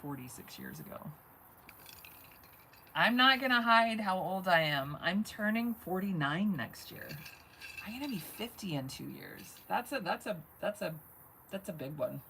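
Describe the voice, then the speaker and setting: A woman's voice: medium pitch, animated, unhurried, bright, forceful tone, slight background noise, low-quality recording. A woman in her forties talking in a rambling, chatty live-stream monologue, swearing casually and laughing often. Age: 40s. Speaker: vlogger.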